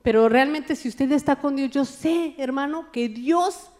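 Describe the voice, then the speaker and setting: Woman, high voice, lay preacher, jokey sermon, animated. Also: unhurried. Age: adult, married. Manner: jokey and animated, often calls listeners brother.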